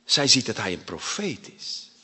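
A man preaching a sermon with emphasis, acting out the voices he quotes and breaking into sudden loud bursts. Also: lowish voice, big pitch swings, unhurried, husky. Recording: long hall reverb.

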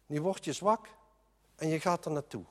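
A man's voice: a little high, expressive, normal speed, long reverb tail. A man preaching a sermon in an earnest, emphatic way, often restarting his sentences.

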